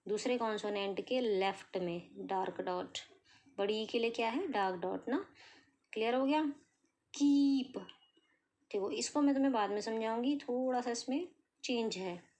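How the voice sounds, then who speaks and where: महिला शिक्षिका, धीरे-धीरे अक्षर बोलकर समझाती हुई. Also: female voice, a little high, darkish tone. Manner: explains patiently, asks and answers her own questions, sounds out letters slowly. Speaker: shorthand teacher. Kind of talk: step-by-step tutorial.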